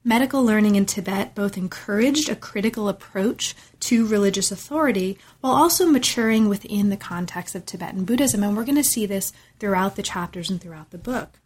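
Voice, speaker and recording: A woman's voice: medium pitch, brisk, few pauses, darkish tone, husky. A woman hosting an interview, articulate and enthusiastic, moving between prepared summaries and questions for her guest. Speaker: podcast interviewer and host.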